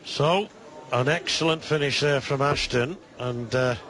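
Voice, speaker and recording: A man giving live darts commentary, measured and analytical, with considered pauses. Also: mid-range voice, a bit bright. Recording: busy crowd behind commentary. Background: darts crowd.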